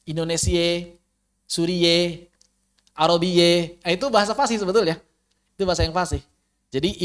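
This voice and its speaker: Man, fairly high voice, patient explaining, online recitation lesson, video call. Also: a bit bright, smooth. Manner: patient explaining, drawn-out examples. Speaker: Quran recitation teacher.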